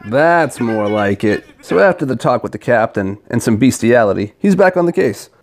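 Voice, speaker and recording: A man's voice: medium pitch, lively intonation, moderate pace. Scathing, sarcastic male video reviewer. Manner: scathing, sarcastic critique with crude language. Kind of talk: scripted comedic review narration.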